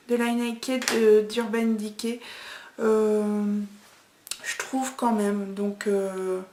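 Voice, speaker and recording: A woman's voice: fairly high pitch, roomy sound. A young woman reviewing makeup palettes in a casual vlog, talking hesitantly with many fillers, recorded on a camera mic in a room at home. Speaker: beauty vlogger.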